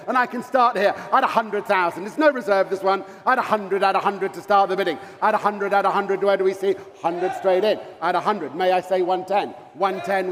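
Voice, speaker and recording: Fine art auctioneer, male, high-pitched voice, repetitive bid-calling chant with polite asides, recorded in an echoey hall. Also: a bit bright. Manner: repetitive chant of bids, courteous asides to bidders.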